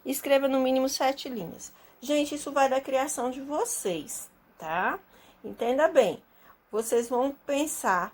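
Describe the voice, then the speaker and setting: Patient woman teacher, slightly high voice. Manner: slow and patient, explaining step by step with many checks. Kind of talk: recorded remote class lesson.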